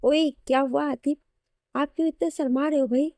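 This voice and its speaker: A man's voice: very high-pitched, steady tone, normal speed, a little mellow, no echo. A woman voicing a teasing young husband. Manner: mischievous, teasing.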